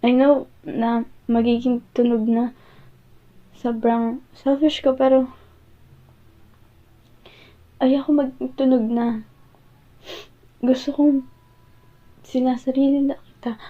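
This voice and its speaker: Casting: actress as jealous, wounded young-love girlfriend, Filipino accent, high female voice, halting pleading delivery, audio role-play, thin phone-like sound. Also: little pitch movement. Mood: tearful, pleading. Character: hurt jealous girlfriend confronting partner who came home late.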